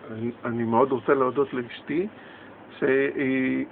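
Male guest, hesitant and stammering, gravelly voice, heard over a tinny phone line. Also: mid-range voice, fairly even intonation, slight background noise. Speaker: volunteer medical clown, guest. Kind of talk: radio interview.

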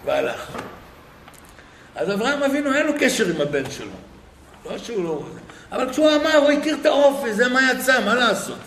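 Male preacher, high voice, lively storytelling sermon, faint noise and hall reverb. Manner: animated storytelling, acting out quoted dialogue. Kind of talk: sermon with retold stories.

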